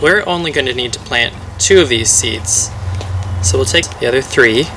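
A man's voice: medium pitch, normal speed, background noise. A young man, a farm educator, walking through planting steps in a playful, upbeat teaching manner. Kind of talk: instructional demonstration.

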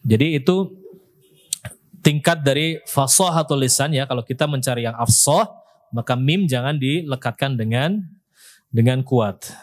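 Slow, patient male tajweed teacher. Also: mid-range voice. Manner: patient, repeats syllables slowly to model pronunciation; ends phrases with a questioning "ya". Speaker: Quran recitation teacher. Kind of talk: tajweed lesson with spoken demonstrations.

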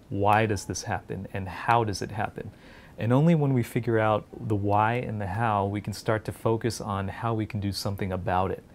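Speaking to camera through a lapel mic in an indoor research lab, a pediatric clinical fellow comes across as earnest and encouraging. Originally from India and raised in New Jersey, he has a lowish, slightly mellow voice, with a little background noise present.

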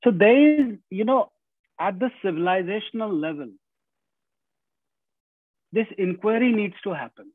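Over a video call with earbuds, a middle-aged, Indian-accented guest speaker delivers an earnest lecture from a room at home. He has a high, expressive voice and an unhurried delivery, pausing at length, often saying "you know," and restarting phrases. The video call audio is dry and tinny, without room sound.

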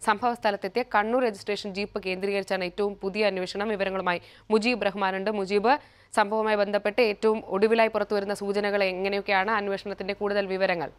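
A woman with a Kerala accent reading the news as a studio anchor in a measured, formal way. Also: medium pitch, little pitch movement, clear, resonant tone. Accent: Malayali, Kerala.

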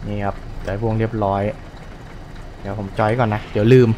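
A young man hosting a gaming channel casually comments on a truck driving game, his fairly low voice warm in tone, flat in delivery, and a bit fast. He's chatty and polite, thinking aloud as he plays while game engine noise hums behind him.

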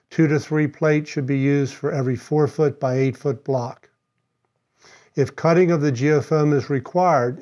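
Man in his 60s, company presenter, scripted product explainer, steady teaching tone, lapel mic, slightly lo-fi. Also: fairly high pitch. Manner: steady, instructional delivery. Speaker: company spokesman. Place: studio against a dark backdrop. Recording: slightly dull lo-fi sound.

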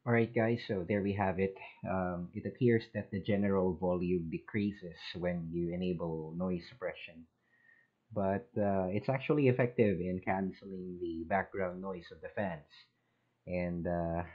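A man reviewing a product through a gaming headset mic in a small room, his voice muffled and made quieter by noise suppression, talking with many fillers and restarts. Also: low voice, fairly even intonation, a little slow. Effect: software noise suppression that makes the voice quieter and thinner. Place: small hot room with two fans.

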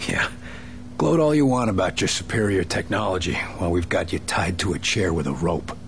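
An actor playing a stern, hard-bitten field agent in a video game, terse and commanding. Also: male voice, low voice, a little fast, gravelly, a little hiss or hum. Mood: hard, interrogating. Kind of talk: video game cutscene acting.

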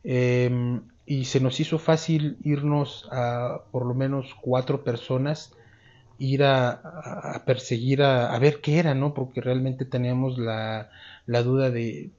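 A man in his thirties with a Mexican accent, recounting a memory in an interview with a lapel mic, in a drawn-out storytelling way. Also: mid-range voice, steady tone, darkish tone, lo-fi sound. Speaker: eyewitness interviewee. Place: dark room, seated.

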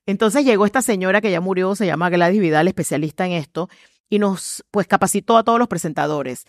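A middle-aged woman, a communications trainer, talking with lots of energy in a low voice and acting out quoted voices as she tells stories in an interview. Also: a little fast, dry recording, studio quality. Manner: acts out quoted voices, lively storytelling. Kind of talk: animated interview conversation.

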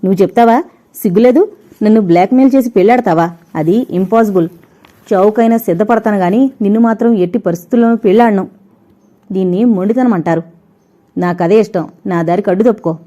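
A woman's voice: medium pitch, dark tone, natural voice. A woman doing a haughty rich young woman. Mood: scornful. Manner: haughty, cutting, quick. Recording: dull lo-fi recording.

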